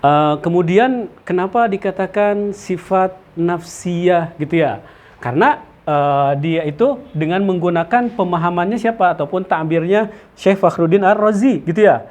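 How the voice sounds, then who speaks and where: A man teaching a study circle lesson, explaining slowly with many fillers and Arabic terms and checking in with his listeners. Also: high voice, darkish tone. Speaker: teacher of Islamic theology.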